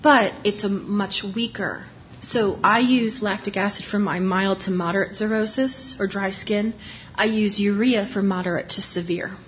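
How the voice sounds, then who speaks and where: A woman's voice: medium pitch, fairly even intonation, normal speed, dull audio, a little hiss or hum. A woman lecturing on dermatology in a conversational, explanatory way, restarting sentences often and talking with a lozenge in her mouth. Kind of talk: live lecture.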